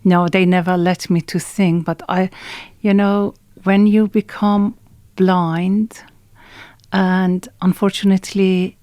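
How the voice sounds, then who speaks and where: A woman from Iran with an Iranian accent, talking in a halting, hesitant way as a guest in a radio studio interview. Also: mid-range voice, level tone, darkish tone, dry recording. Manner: halting and hesitant, many pauses and fillers. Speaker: guest singer.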